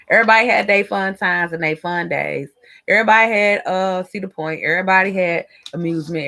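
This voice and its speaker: A middle-aged woman who vlogs about lifestyle chats candidly with her viewers while eating and doing her makeup. Her voice is lowish with a fairly bright tone.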